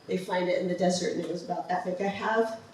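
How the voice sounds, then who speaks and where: Speaking quickly in a lowish, steady voice, a woman runs through a travel slideshow in a museum presentation room. The talk is casual and enthusiastic but riddled with ums and restarts. It's captured on a far-off mic in a very echoey space, with slight background noise.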